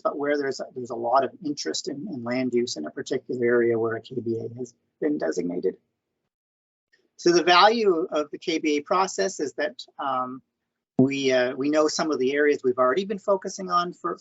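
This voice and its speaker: A man's voice: on the high side, gravelly, fairly bright tone. A man giving an online information session presentation, hesitant with many fillers and restarts. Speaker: government conservation presenter. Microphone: computer mic on video call. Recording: muffled lo-fi video call audio.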